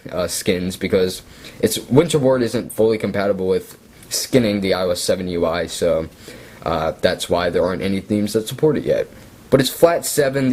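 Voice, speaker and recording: Husky low-voiced young man, chatty. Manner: relaxed and chatty, self-deprecating asides. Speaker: tech video creator. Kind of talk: casual screen-recorded walkthrough.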